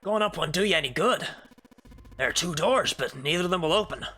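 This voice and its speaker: Woman doing a low, dignified older man. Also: animated, fairly bright tone, a little hiss or hum. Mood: grave. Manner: measured, formal, old-fashioned phrasing. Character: calm, composed older man with lion-like dignity. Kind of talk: voiced visual novel dialogue.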